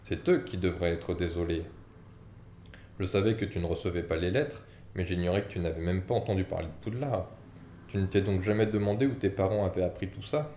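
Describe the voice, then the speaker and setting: A towering, hot-tempered gamekeeper with a low, dark, gravelly voice, given by a man reading aloud. He booms with indignation in a storybook reading with character voices. The recording sounds roomy, with a faint hiss behind it. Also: a little fast, natural voice. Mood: gruff. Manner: booming and indignant. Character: huge gruff male half-giant gamekeeper, quick-tempered. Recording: echoey room, faint background noise.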